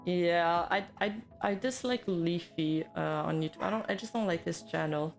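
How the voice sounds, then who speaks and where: A woman's voice: fairly low pitch, moderate pace, soft background music. A woman hosting a livestream, chatting and commenting casually as she reacts to viewer comments. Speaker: livestream host.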